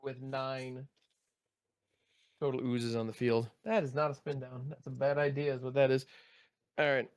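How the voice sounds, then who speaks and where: A man talking through his turn at a card game, counting out loud and dropping little sound-effect words as he plays. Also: mid-range voice, flat delivery, moderate pace, pauses often, no room sound. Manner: methodical, counts aloud, sound-effect interjections. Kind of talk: casual play-by-play of his own turn.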